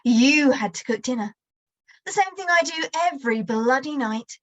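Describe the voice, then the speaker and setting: A woman reading a story aloud, voicing an exhausted mother who shouts back through tears. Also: high-pitched, expressive, normal speed. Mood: bitter. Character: distraught exhausted mother, middle-aged woman. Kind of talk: audiobook-style story reading.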